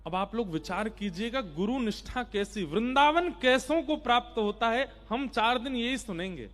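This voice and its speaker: A man's voice: very high voice, lively intonation, moderate pace, a bit bright. A man telling a devotional story sermon, emphatic and addressing the listeners directly. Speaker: kathavachak storyteller-preacher.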